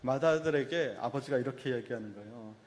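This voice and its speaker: A male pastor preaches to his congregation, asking questions and then answering them himself. He speaks the words of a father to his son in a gentle voice. His voice rings through a reverberant church with a faint hum behind it. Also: mid-range voice, brisk. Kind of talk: sermon. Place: church sanctuary.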